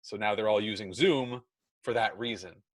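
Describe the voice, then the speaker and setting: Leading a relaxed work meeting over video, this middle-aged American school technology administrator explains things, often backtracking to correct himself. His voice is lowish at a normal pace, with no room sound at all.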